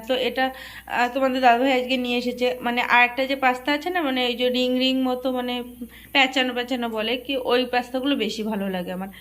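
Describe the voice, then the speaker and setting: A woman's voice: high-pitched, fairly bright tone. A woman from India chatting casually to her viewers in a home vlog from her kitchen, talking straight to them with plenty of "I mean.". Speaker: daily vlogger.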